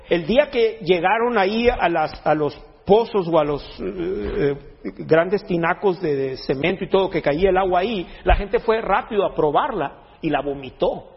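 A man's voice: sits high, husky. A man preaching a sermon in a jokey, conversational way, often restarting his sentences. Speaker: pastor. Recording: long hall echo, dull lo-fi sound.

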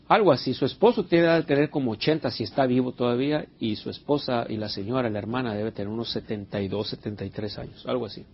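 A man's voice: mid-range voice, husky. A man preaching a conversational sermon and Bible study as pastor, earnest, repeating words and putting questions to his listeners. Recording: dull lo-fi recording.

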